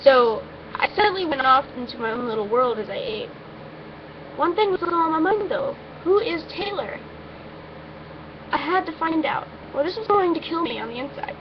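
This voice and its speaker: In a high-pitched voice with lively intonation and a normal speed, a woman reads a first-person story informally. Now and then she fumbles her words or pauses for asides, and the amateur recording is noisy and muffled.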